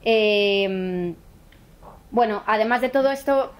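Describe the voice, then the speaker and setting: A woman's voice: medium pitch, slow pace, clean tone. A woman speaking earnestly in a conversational talk, thinking aloud with restarts. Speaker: teacher activist. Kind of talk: conversational explanation.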